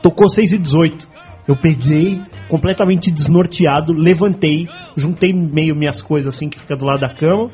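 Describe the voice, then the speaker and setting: A man hosting a casual podcast chat, telling lively stories, acting out quotes and swearing freely. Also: on the high side, normal speed, soft background music. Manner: animated storyteller who acts out quotes and swears freely. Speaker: podcast host. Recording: dull lo-fi podcast recording.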